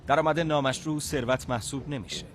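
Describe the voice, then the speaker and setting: A man reading a scripted moralizing narration in a measured voice. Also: a little high, steady tone, slight background noise.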